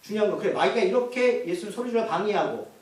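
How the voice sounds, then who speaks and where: Preaching fast in a high, darkish voice with lively intonation, a male pastor poses questions to his congregation and then answers them. The sermon is heard from far off in a reverberant church hall.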